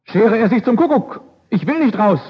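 A man voicing an imperious old king who barks orders in a raised, sharp voice, on a dull lo-fi recording. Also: on the high side, measured pace. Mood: furious. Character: imperious old male king, gruff and commanding.

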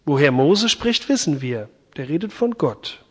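A man giving a sermon, retelling and reading a Bible passage in a chatty, lively way. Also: fairly high pitch, measured pace, breathy edge, long reverb tail. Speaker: preacher. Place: church.

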